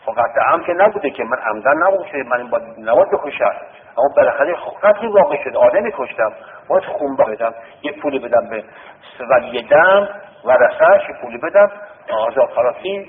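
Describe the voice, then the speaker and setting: Lively-voiced man teaching in an echoing classroom. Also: mid-range voice. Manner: repetitive, drilling students with questions. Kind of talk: classroom lesson on Arabic word roots. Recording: tinny lo-fi classroom recording with long reverb.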